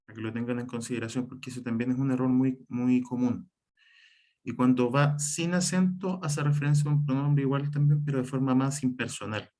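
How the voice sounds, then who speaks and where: A man gives an online lesson in an even, medium-pitched voice. He explains step by step, restarts a phrase now and then, and keeps pointing to examples. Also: fairly quick. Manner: explanatory, repeats "por ejemplo" and "en este caso", some restarts. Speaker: teacher. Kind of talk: online class lecture on writing and spelling.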